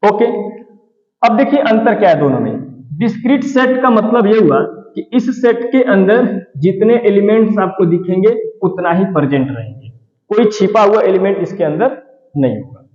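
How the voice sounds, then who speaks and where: A man's voice: sits high, expressive, normal speed, darkish tone, roomy sound, in a large hall, muffled recording. A man teaching a math lesson, explaining patiently and often ending his points with "right". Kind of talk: classroom-style lesson explanation.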